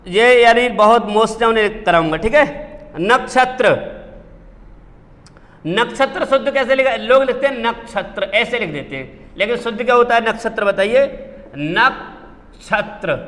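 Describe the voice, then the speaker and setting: High-voiced teacher in a reverberant hall. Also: male voice, bright, forceful tone. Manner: drills words, repeats and quizzes students. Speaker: Hindi spelling teacher. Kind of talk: classroom lesson.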